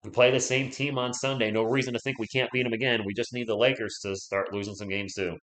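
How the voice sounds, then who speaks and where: A man calls his team's game casually on a live stream, rooting for the Spurs while his voice becomes hoarse and starts to go. His medium-pitched, fairly bright voice keeps a steady tone at a quick pace. He chats and reads viewer comments aloud between calls, with a noticeable echo around him.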